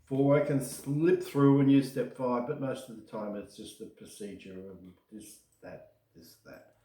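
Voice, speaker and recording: Mellow man in an echoey room. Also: mid-range voice, measured pace. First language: Macedonian. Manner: chatty, repeats short affirmations. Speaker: trainee being assessed. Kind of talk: casual spoken assessment conversation.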